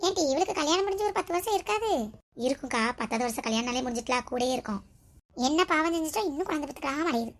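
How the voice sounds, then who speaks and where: A woman performing several village characters in a comedy skit, bantering and scolding quickly. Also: high voice, lively intonation. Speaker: sketch performer.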